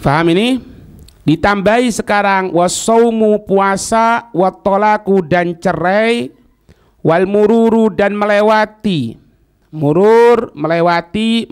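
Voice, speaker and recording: With a smooth voice that sits high, the Javanese-accented Islamic teacher delivers a religious lesson. He teaches didactically, going over phrases again and checking that students are with him.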